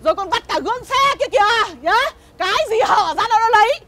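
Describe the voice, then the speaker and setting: Shrill ranting village mother. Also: expressive, fairly quick, very noisy. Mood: indignant. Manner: shrill, ranting, rhythmic cursing. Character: loud, hot-tempered village mother ranting at thieves. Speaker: village woman cursing a thief. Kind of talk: comedy sketch acting.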